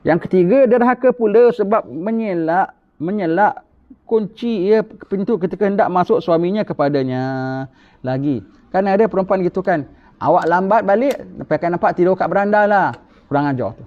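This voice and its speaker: Male religious teacher, emphatic lecture delivery, fairly high voice, muffled lo-fi audio. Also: lively intonation, normal speed. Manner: emphatic, rhetorical questions. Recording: dull lo-fi recording.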